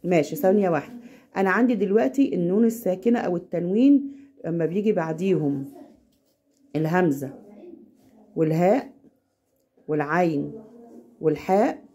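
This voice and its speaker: A woman with an Egyptian Arabic accent tutoring a child at home, patient and slowing down to demonstrate recitation. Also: lowish voice, warm tone, slightly rough. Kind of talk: casual home lesson.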